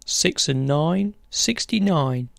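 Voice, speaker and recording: A bingo caller announcing numbers in measured, formulaic set phrases. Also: mid-range voice, animated, vocal fry, dry recording, clean studio sound.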